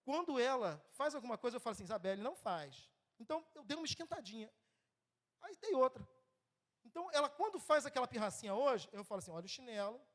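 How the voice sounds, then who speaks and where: A man's voice: very high voice, fast. A man in his thirties with a Brazilian Portuguese accent, preaching a sermon in a church, conversational and often checking in with the congregation. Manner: lively, swings between loud and soft.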